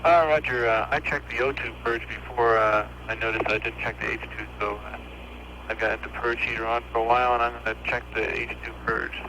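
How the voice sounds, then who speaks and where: A man's voice: medium pitch, steady tone, a little fast. A man, an astronaut, speaking in clipped procedural radio talk over a crackly radio link from space that keeps breaking up. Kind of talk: mission radio exchange. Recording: noisy lo-fi archival radio transmission.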